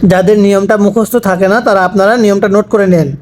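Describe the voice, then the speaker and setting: A man teaching Quran reading, slowly spelling out letters and their sounds for learners to repeat. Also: high voice, flat delivery, darkish tone, a little hiss or hum. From Bangladesh. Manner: slow, deliberate spelling-out of letters with pauses. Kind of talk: slow recitation lesson with repeat-after-me drills.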